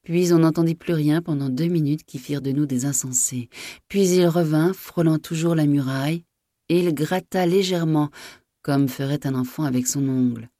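A woman narrating a story in a measured, dramatic reading. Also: sits low, warm tone, dry recording, clean studio sound.

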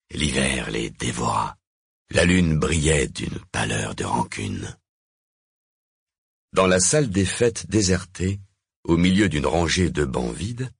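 A man reading a story aloud as narrator, slow and dramatic, with a husky voice, close to a dry microphone. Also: sits low, no echo.

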